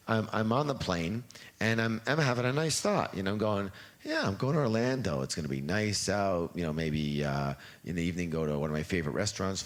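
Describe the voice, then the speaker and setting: A man addresses a live seminar audience, his pitch leaping around expressively. He drifts into rambling stories and acts out his own inner voice. He also leads the room in call-and-response chants. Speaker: seminar trainer.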